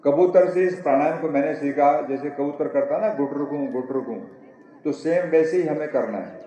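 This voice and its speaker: A man's voice: fairly high pitch, a little fast, warm tone. A man teaching yoga and home remedies at a public event, giving step-by-step instructions straight to his audience. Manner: instructive, addresses audience directly. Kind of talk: yoga and ayurveda class talk. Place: outdoor university yoga event. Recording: roomy, dull sound with faint ambience.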